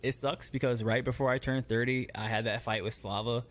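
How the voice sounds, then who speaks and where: A professional fighter in his thirties, appearing as a podcast guest, chats casually in short, matter-of-fact phrases. He speaks fairly quickly at medium pitch with fairly even intonation, and slight background noise is audible.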